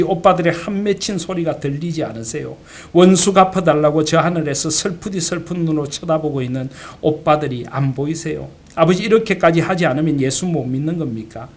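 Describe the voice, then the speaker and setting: A tearful teenage girl pleads with her father, her voice raised and a little higher than a man's usual speech, as a preaching man acts her out. The words come out loud and anguished. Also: natural voice.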